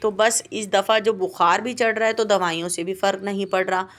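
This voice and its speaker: Speaking into a home voice-over mic, a cooking channel host who bakes at home chats in a plaintive, rambling way, complaining and hesitating as her sore throat makes her cough. Her medium-pitched voice is steady, a bit bright, and brisk.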